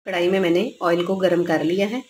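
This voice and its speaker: Woman, cooking host, low voice, calm step-by-step instructions, home kitchen, faint frying noise behind. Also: a little fast.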